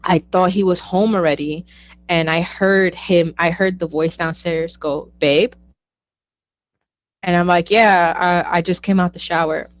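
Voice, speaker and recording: A young woman speaks at a fairly low pitch and a moderate pace, and the audio quality is poor. She's a psychic medium guest on a casual interview, telling stories with real animation, acting out the quoted dialogue and laughing often.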